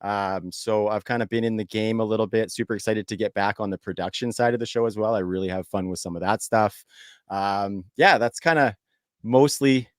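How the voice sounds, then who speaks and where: A man's voice: fairly low pitch, fairly quick, no room sound, studio quality. A young Canadian man in his late twenties or early thirties, hosting a casual sports podcast in an upbeat, chatty way and laughing easily. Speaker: podcast host.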